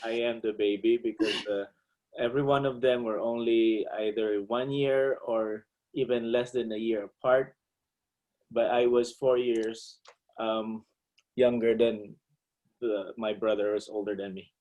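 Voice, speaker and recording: A man talking about his family on a video call, hesitant and pausing often. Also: fairly low pitch, fairly even intonation, dark tone, muffled recording. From Philippines. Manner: hesitant, with frequent "uh" pauses. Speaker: meeting participant. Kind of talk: casual personal sharing.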